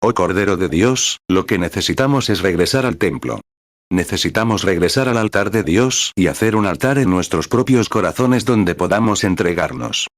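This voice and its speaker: A man with a very deep voice reads a translated sermon in an earnest, preaching tone. The recording is dry and close, with no room sound. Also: lively intonation, normal speed, no echo. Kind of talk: sermon reading with numbered paragraphs.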